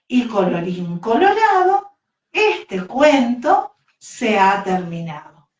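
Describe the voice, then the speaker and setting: A woman with a Rioplatense accent, a yoga teacher trainer, telling a children's story in a slow, sing-song voice and leading breathing exercises. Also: on the high side. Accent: Rioplatense Spanish. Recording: echoey room.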